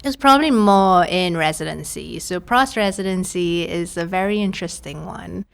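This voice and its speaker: A woman's voice: fairly low pitch, moderate pace, creaky, clear, resonant tone. A woman in her thirties from Trinidad, a prosthodontist guest telling her story in a chatty podcast interview, often quoting her own past thoughts.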